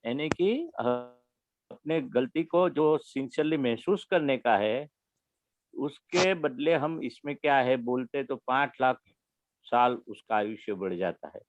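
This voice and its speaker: A man giving a spiritual talk to young listeners, explaining slowly and repeating his key phrases. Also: mid-range voice. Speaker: spiritual teacher. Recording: dull lo-fi recording.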